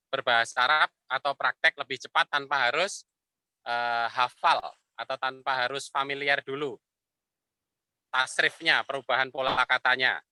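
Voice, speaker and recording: Bright-voiced man teaching Arabic. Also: mid-range voice, smooth, dry recording. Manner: explains patiently, repeats Arabic phrases slowly. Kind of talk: online class lecture.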